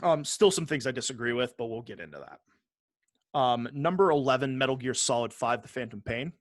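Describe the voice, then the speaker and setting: This is a man with a medium-pitched, animated voice, talking at normal speed as he co-hosts a podcast. He casually runs through a ranked list with commentary, swearing occasionally. The audio is studio quality with no room sound.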